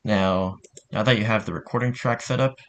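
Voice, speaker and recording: A man with a lowish voice gives a casual spoken tutorial at a fairly quick pace. As the narrator, he's informal and offhand, with some mild swearing.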